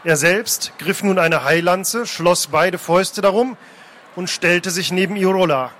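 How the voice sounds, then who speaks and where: A man reading fantasy adventure prose aloud, taking turns with a second reader and shouting out the characters' cries. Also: sits high, measured pace. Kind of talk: dramatic book reading, alternating narration.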